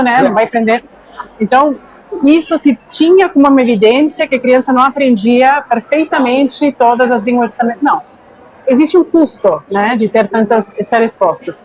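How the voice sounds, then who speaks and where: A woman's voice: fairly high pitch, darkish tone, low-quality recording. A woman from Argentina, a neuroscientist guest explaining things thoughtfully in a conversation. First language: Spanish. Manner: thoughtful, often checks in with "né".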